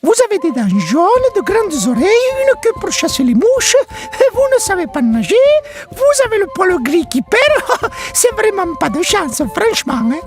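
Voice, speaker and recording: A woman's voice: very high-pitched, big pitch swings, normal speed, hardly any pauses. A woman voicing a small, cheerful female frog who teases and coaxes, tagging questions onto her lines. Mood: teasing. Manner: teasing, ends lines with a questioning "hein". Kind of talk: storybook acting over music.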